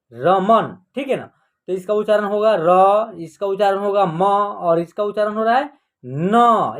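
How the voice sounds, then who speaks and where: Patient male Hindi teacher. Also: extremely high pitch. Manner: patient, repetitive, spells words out slowly. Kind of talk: Hindi reading lesson.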